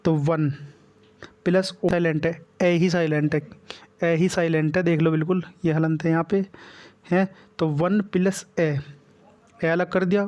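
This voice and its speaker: A man's voice: fairly high pitch, darkish tone, dull audio. Repetitive Hindi-accented male tutor. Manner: repetitive, checks in with "ठीक है" constantly. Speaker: Hindi grammar teacher. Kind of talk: whiteboard exam-prep lesson.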